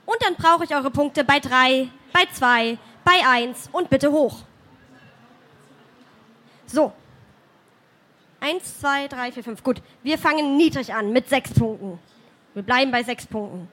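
Woman slam host; high, bright, casual and self-ironic. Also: slow, pauses often. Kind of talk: casual stage hosting. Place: live venue.

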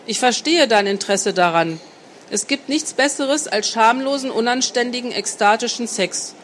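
A smooth, seductive grown man, read by a woman. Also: a little high, moderate pace, a little hiss or hum, lightly acted. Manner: smooth, persuasive, teasing. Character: confident seductive grown man, calm and worldly. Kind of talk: audiobook reading.

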